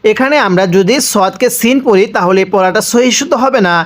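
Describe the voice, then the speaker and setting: A man's voice: high-pitched, fairly quick. A man from Bangladesh, a Quran teacher, spells out each letter and vowel mark one by one and asks and answers his own questions.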